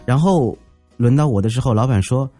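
This podcast host runs a comic storytelling show, sharing funny everyday tales in a chatty, jokey style and acting out the quotes. His mid-range voice is mellow and brisk, with faint music in the background.

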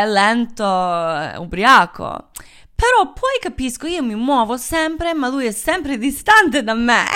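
Animated woman telling a story. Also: high-pitched. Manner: animated, mixes English words into Italian, laughs often. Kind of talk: casual storytelling.

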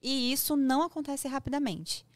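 A woman's voice: high voice, moderate pace, dry recording. A woman with a Brazilian Portuguese accent, speaking emphatically as a parenting guest on a podcast. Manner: emphatic, animated, acts out dialogue. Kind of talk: podcast conversation. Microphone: studio podcast mic.

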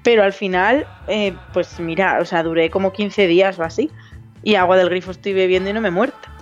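A woman's voice: medium pitch, fairly quick, highs cut off. A woman from Zamora, Spain, with a Zamora Spanish accent, co-hosting a podcast and telling stories in a chatty, casual way over faint music. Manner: chatty storyteller, quotes others in lively voices. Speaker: podcast co-host. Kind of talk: casual chat.

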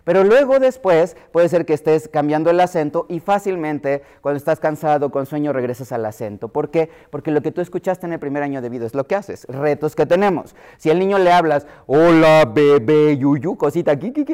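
A man's voice: on the high side, a little mellow, clean tone. A middle-aged man with a Mexico City Spanish accent giving an explanatory lecture to pediatricians, often acting out voices he quotes.

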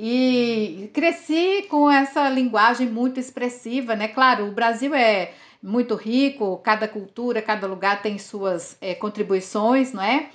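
A woman's voice: on the high side, a little slow, few pauses. A woman from in Brazil's Northeast, a linguistics professor explaining things as a podcast guest, often tagging her sentences with questions. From Campina Grande, Paraíba, Northeast Brazil. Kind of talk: podcast interview.

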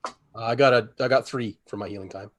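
A man's voice: fairly low pitch, fairly quick. A man playing a tabletop game, chatting casually with wry, wisecracking humor. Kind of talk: casual joking banter.

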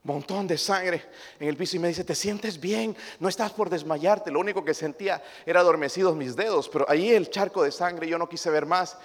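A man preaching a passionate sermon, calling his listeners brothers, rising to loud emphasis and dropping to quiet asides. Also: high-pitched, normal speed, long reverb tail. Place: church.

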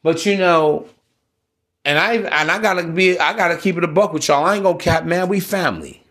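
An American podcast host with a fairly high, slightly bright voice talks fairly quickly in an informal, blunt monologue to his listeners. He's slangy and preachy, repeating himself for emphasis.

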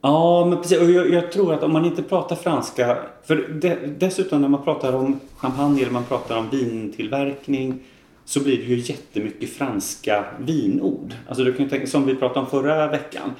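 A man from Gothenburg with a softened Gothenburg accent, chatting and explaining at length as a podcast co-host, with lots of fillers. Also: medium pitch, fairly even intonation, roomy sound. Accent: Gothenburg Swedish, softened. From Gothenburg, Sweden. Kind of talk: casual chat.

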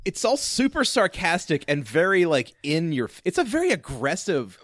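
A man co-hosting a podcast, explaining points in a relaxed way. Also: fairly high pitch, moderate pace, crowd noise. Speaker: podcast host. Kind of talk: casual podcast chat.

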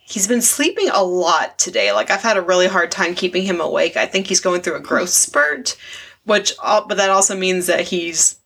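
Bright-voiced woman hosting a podcast. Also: lowish voice, expressive, vocal fry, husky. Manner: quick, joking and self-deprecating. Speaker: podcast host. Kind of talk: casual chat.

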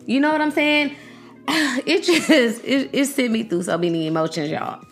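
A woman's voice: sits high, normal speed, faint music behind. A young woman vlogging casually, emphatic and slangy, addressing her viewers as y'all. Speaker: vlogger reacting to a series. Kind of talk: casual chat.

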